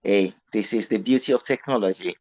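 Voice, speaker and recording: A man from Nigeria co-hosting a radio interview on a video call, talking in a relaxed way with many hesitations. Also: lowish voice, a little fast, low-quality recording. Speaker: radio co-host. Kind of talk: casual interview chat.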